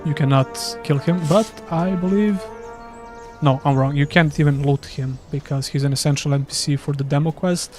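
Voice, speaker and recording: Over music, a Serbian man with a Serbian accent streams gameplay live, chatting casually and making fun of himself. His voice is fairly high and steady, at a moderate pace.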